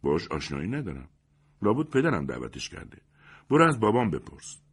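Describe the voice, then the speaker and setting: A man's voice: low voice, huge pitch swings, creaky, slightly rough, heavily acted. Man playing a shy young groom. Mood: dismissive.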